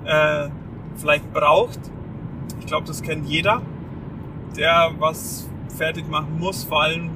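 A man in his twenties chatting casually as a podcast co-host, in degraded low-bitrate audio recorded in a moving car. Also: fairly even intonation, slow pace, long pauses. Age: 20s. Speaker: podcast co-host, master's student. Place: inside a car on the motorway. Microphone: off-mic, faulty setup. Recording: noisy moving car, distant faulty microphone. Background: road and engine noise.

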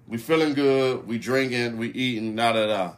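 A man's voice: mid-range voice, normal speed, slight background noise. A man hosting a podcast, telling a story in casual, profane slang and often asking "you know what I'm saying". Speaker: podcast host.

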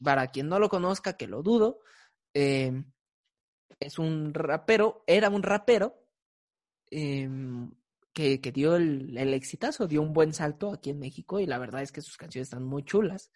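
A podcast co-host with a Mexican accent, chatting casually, laughing often and filling pauses with hesitant sounds. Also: medium pitch, lively intonation, a little mellow. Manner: giggly, lots of hesitant fillers. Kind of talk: casual chat.

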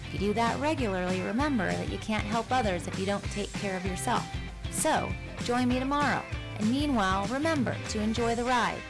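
A woman's voice: medium pitch, lively intonation, brisk, over music. A woman hosting her own podcast, reading a scripted, upbeat and encouraging introduction. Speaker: podcast host and founder.

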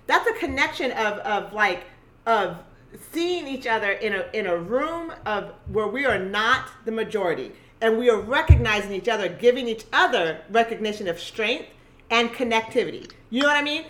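A woman from Costa Rica talking in an animated, emphatic way, with frequent restarts, in a casual conversation. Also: a little high, moderate pace.

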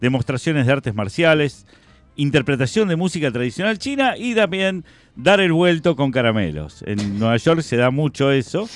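A man's voice: fairly high pitch, animated, normal speed, faint music behind. A man with an Argentine accent co-hosting a podcast, sharing trivia in a playful, joking way. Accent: Argentine Spanish. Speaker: podcast co-host. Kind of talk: casual chat.

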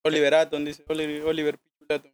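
A man's voice: a little high, completely flat delivery, fast talker, clear, resonant tone. A man, a comedian guest on a podcast, laughing and sheepishly denying things in casual banter.

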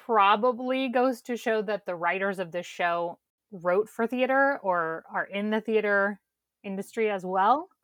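A woman's voice: medium pitch, measured pace, a bit bright, dry recording, clean studio sound. A woman co-hosting a podcast, recapping a TV episode in casual, wry chat. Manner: wry, quotes characters in mocking voices. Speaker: podcast co-host.

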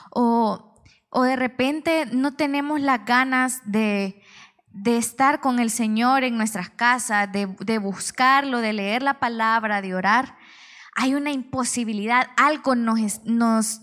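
Lady preaching, high voice, earnest testimony w lots of restarts. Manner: earnest personal testimony, steady pace with many restarts. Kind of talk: sermon.

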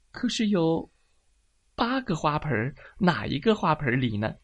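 A woman's voice: low voice, very animated, slow pace, husky, pitched above the performer's own voice, exaggerated voice. A woman voicing a forgetful, fussy mother hen who exclaims and frets in a storybook reading. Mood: relieved. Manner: flustered, exclaiming.

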